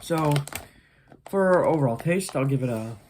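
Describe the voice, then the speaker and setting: Mellow relaxed snack reviewer, casual n kinda hesitant, low-key, bit of background noise. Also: unhurried. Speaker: food review host.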